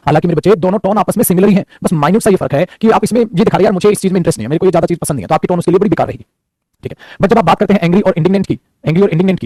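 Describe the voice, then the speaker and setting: Male teacher for an online vocab class, slightly high voice, rapid and repetitive delivery. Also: dark tone, no room sound. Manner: rapid, repeats phrases, calls students "beta".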